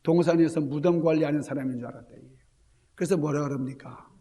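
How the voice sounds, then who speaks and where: A male pastor preaching an Easter sermon, asking the congregation rhetorical questions and swinging from loud exclamations to hushed near-whispers. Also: a little high, steady tone, fast talker, big-room sound. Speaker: senior pastor. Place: church sanctuary.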